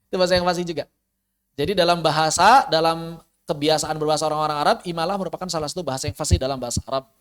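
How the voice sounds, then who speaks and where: Male teacher, slightly high voice, patient online lesson delivery. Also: fairly even intonation, a bit bright. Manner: patient explaining, drawn-out examples. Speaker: Quran recitation teacher. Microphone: video call.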